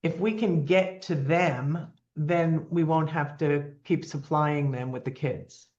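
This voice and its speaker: A woman in her seventies who founded a nonprofit speaks as a guest in a casual interview, earnest and plainspoken with frequent ums. Her low voice moves at a slow pace and sounds a little mellow. The audio has its highs cut off.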